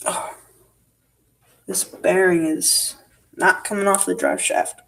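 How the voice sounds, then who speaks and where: A man hosting a live stream, talking low-key to himself as he works on a model. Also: very animated, takes it slowly, vocal fry, bright, forceful tone. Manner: low-key, muttering to himself while working. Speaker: livestream host. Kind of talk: live-stream commentary while working on a model. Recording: voice a bit distant from the mic.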